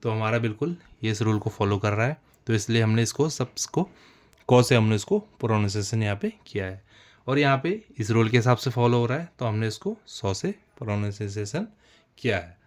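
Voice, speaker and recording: A man with a fairly low pitch and a fairly quick delivery explains basic English spelling step by step while writing on a board. He's repetitive and keeps calling his viewers friends.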